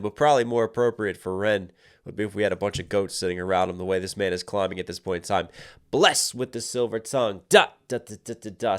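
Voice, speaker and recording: Slangy, excitable man breaking down rap. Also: fairly low pitch, clear, resonant tone. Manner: hype, slangy exclamations and beatboxed rhythm syllables. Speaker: music reaction host.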